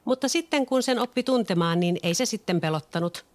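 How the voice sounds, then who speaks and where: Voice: animated, lightly acted. A reader voicing a brave, earnest little girl in a storybook. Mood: thoughtful. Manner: high, eager childlike delivery. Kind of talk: storybook reading.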